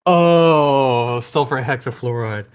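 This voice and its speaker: A man talking through a deep sulfur hexafluoride gas voice changer, playfully testing how it sounds in casual chat. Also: slow, clear, resonant tone. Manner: playful, testing his altered voice.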